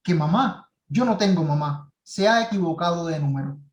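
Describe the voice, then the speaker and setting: A man's voice: fairly high pitch, expressive, moderate pace, far from the mic, highs cut off, lightly acted. A man voicing a curt, puzzled stranger on the phone. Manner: curt, bewildered. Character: puzzled man answering a wrong number. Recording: roomy echo.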